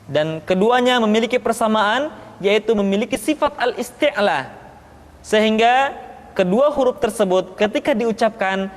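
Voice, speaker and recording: A woman gives a pronunciation lesson at a very unhurried pace, drawing out each drilled syllable with careful emphasis. Her voice rings with a long, hall-like reverb. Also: mid-range voice. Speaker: Quran reading teacher.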